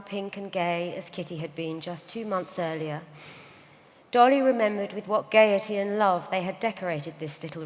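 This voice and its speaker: A woman narrates a novel aloud at a live event. Her delivery is measured and low-key, in a mid-pitched voice. A long reverb carries through the large hall. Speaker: reader. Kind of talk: literary reading narration.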